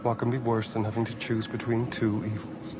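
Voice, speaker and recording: An actor playing a calm, cerebral, manipulative man in a video game, speaking in a measured, philosophical way. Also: on the low side, over music, natural voice. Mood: calm, probing. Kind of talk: dramatic video game acting. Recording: loud ambient noise behind voice. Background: loud ambience.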